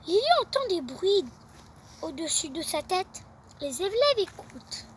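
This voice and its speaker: A young woman reading a children's bedtime story aloud, with a lively read-aloud manner. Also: extremely high pitch, unhurried, far from the mic, background noise.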